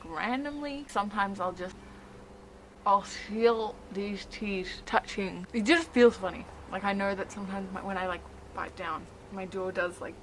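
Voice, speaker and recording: A woman's voice: mid-range voice, slight background noise, low-quality recording. A woman vlogger chatting casually in an informal, rambling and self-deprecating way. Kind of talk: casual chat to camera.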